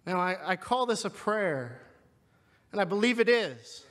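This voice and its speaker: A man's voice: high voice, very animated, unhurried, fairly bright tone. A man preaching a sermon, retelling a scripture story in an earnest storytelling manner. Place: seminary chapel. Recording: long hall reverb.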